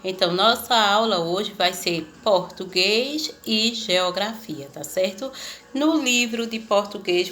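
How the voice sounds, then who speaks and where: A woman's voice: on the high side, pushed and bright. A woman teacher giving a remote lesson to a class of children, explaining patiently and often checking in with the students.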